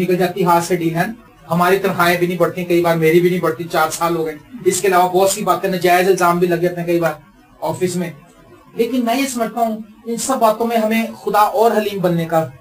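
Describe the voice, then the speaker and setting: A male pastor preaching a sermon. He swings between loud, emphatic lines and low, quiet asides.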